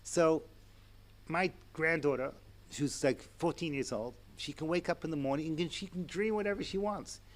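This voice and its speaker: A man in his sixties giving a Torah lecture to an audience, animated and chatty, with asides and chuckles. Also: on the high side, moderate pace. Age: 60s. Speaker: rabbi and lecturer.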